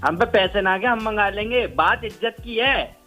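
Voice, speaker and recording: Brief: a high-voiced man on a phone call, indignant and scolding. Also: moderate pace, pushed and bright, faint music behind. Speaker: prank call victim.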